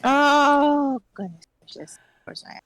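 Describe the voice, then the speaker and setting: A woman's voice: high voice, unhurried, fairly bright tone. A woman chatting casually over an internet voice call, her audio buzzy and glitching as the connection breaks up. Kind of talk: casual chat.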